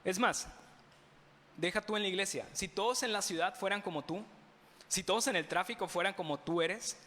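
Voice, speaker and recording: A Mexican pastor delivers a sermon in a church sanctuary, his voice bright and a little raised. He keeps asking the congregation rhetorical questions and slips in playful humor. Long reverb from the hall trails each phrase. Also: high-pitched, moderate pace. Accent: Mexican Spanish.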